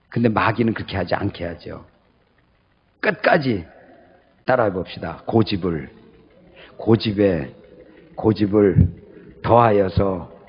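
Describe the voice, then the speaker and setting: A man preaching a sermon as pastor, questioning his congregation and swinging from loud high calls to low murmurs. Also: lo-fi sound, a little hiss or hum. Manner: call-and-response questions to the congregation.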